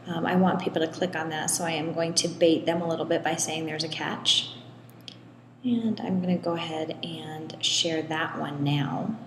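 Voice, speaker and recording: A lower-pitched woman walks through a software tutorial one step at a time, easygoing and sprinkling in little ums. Her voice rings around an echoey room with a long hall-like tail, and a faint hum of room noise sits underneath. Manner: relaxed, explains step by step with frequent ums. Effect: echoey room with long hall-like reverb. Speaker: tutorial presenter. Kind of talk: screen walkthrough tutorial.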